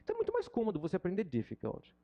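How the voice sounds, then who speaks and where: A man's voice: high-pitched, rapid-fire, dull audio. A middle-aged man with a Brazilian Portuguese accent, an English teacher giving an informal, joking lesson and mocking his students. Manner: animated and joking, mocks students.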